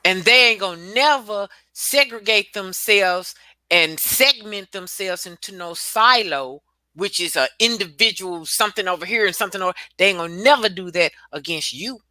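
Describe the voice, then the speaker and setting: A woman's voice: mid-range voice, expressive, moderate pace, pushed and bright, dry recording. A woman speaking emphatically and bluntly in a casual discussion, repeating points and swearing for force.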